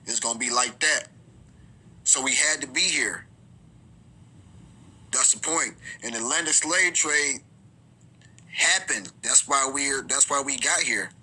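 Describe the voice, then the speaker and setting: A man teaching scripture informally, reading verses aloud slowly and often stumbling and repeating his words. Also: medium pitch, bright, forceful tone, husky, poor audio.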